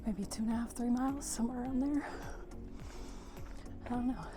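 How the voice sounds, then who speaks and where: A woman's voice: fairly high pitch, fairly quick, over music. A woman talking casually and chattily to her vlog viewers, in a giggly, self-talking way. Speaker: vlogger. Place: outdoors on a trail. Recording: noisy outdoor ambience.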